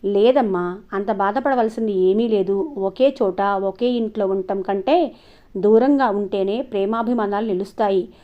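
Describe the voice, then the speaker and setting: An earnest, thoughtful teenage son, voiced by a woman narrator in an audio novel, reasoning politely with his parents. He speaks in a calm, measured way. The audio is slightly dull and lo-fi. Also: medium pitch, close to an everyday voice.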